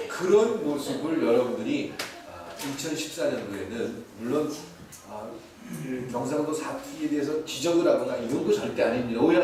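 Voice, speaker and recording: A man preaching a sermon as pastor, lively and playful, mimicking short dialect phrases. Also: mid-range voice. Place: church sanctuary. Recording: echoey, distant, faint hiss.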